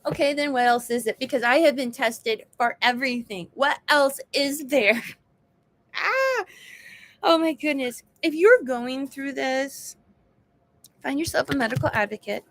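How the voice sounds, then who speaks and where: A woman in her thirties talks to her camera in a high voice, exasperated and exhausted. She vents in bursts, trailing off, sighing and starting her sentences over. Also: animated, measured pace, dry recording. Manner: venting, exasperated, restarts and sighs. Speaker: vlogger sharing a health update. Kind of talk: frustrated personal vlog.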